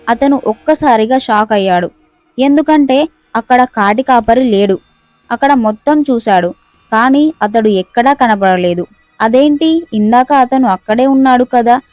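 Woman, horror story narration, steady suspenseful reading, higher voice, dry sound. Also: no echo.

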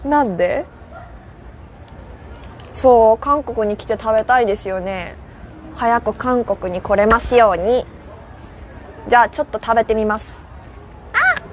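Her voice sits on the high side and is expressive, a little slow, with frequent pauses. She is a young woman from South Korea hosting a rooftop live stream in a city, casually replying to viewers' comments in Japanese with a Korean accent and a Kansai lilt. The background is noisy.

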